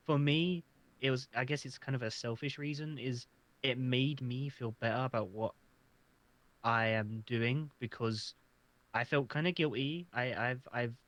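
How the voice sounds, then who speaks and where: A man's voice: mid-range voice, fairly bright tone. A man answering interview questions in an earnest, hesitant way, often stammering and restarting. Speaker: job applicant. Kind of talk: casual roleplay interview.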